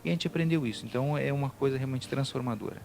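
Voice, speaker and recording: A man's voice: mid-range voice, very fast, vocal fry, a little mellow. A middle-aged Brazilian man, a teacher, speaking as a guest in a TV interview, hesitant with many fillers and restarts. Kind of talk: TV studio interview.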